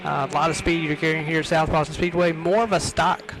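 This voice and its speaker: A man's voice: a little high, steady tone, brisk. An American man giving live commentary on a stock car race. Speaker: motorsport commentator. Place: outdoor speedway broadcast. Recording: loud outdoor racetrack engine noise. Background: race cars and outdoor ambience.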